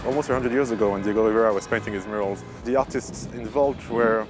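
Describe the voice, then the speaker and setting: Reflective man with a lower voice. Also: fast, loud music behind the voice. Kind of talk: documentary interview.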